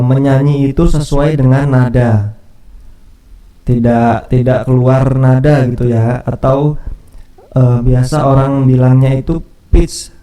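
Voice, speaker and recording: Male teacher, mellow tone, casual lesson voice-over with fillers; roomy, off-mic recording. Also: medium pitch, recorded from a distance. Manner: casual explaining with fillers and restarts. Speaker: music teacher.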